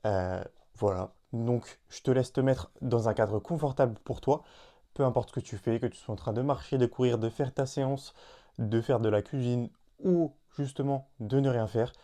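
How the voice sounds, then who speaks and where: Guy doing a solo podcast, lots of euh and restarts, mellow dark tone. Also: medium pitch, fairly even intonation, normal speed. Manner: hesitant, many fillers and restarts; addresses listener informally. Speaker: podcast host.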